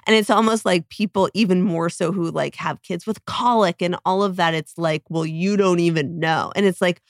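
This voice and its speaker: A woman hosting a casual podcast chat in a low voice with plenty of vocal fry. She talks in a reassuring, conversational way, loose with fillers. The sound is dry and close. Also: moderate pace, no room sound. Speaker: podcast host.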